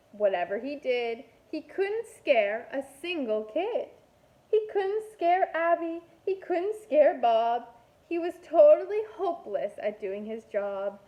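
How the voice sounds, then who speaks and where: A female kindergarten teacher reads a picture book aloud in a high voice, telling the story expressively and deliberately with playful asides. The home recording sounds slightly dull.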